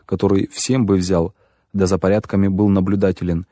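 A man narrating a literary story as an audiobook reader, measured and even. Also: deep voice, no room sound, studio quality.

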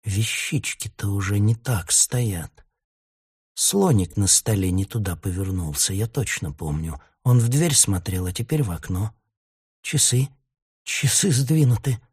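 A man voicing a shaken, haunted young woman who speaks in a trembling hush in a storybook reading. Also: on the low side, normal speed, husky. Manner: trembling, hushed. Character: dazed, haunted young woman, cold and cerebral.

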